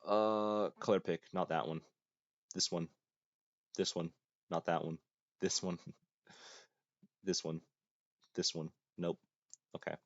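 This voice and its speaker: Low-voiced young man, dry self-mocking gameplay chatter. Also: steady tone, slow, long pauses, no room sound. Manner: dry, self-mocking, mutters while playing. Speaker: gaming YouTuber. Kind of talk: casual gameplay commentary. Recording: dull lo-fi, dry.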